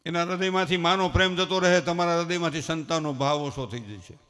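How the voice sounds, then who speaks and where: A male comedian, telling animated stories on a live stage and using lots of rhythmic repetition. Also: a little high, quick pace, clear, resonant tone. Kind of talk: live folk storytelling comedy. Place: live stage show before an audience.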